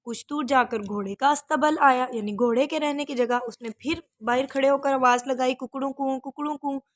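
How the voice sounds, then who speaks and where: A woman's voice: sits high, moderate pace, no room sound. A woman teacher reading a story and then explaining a lesson to children, patiently repeating difficult words. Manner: addresses pupils as "beta".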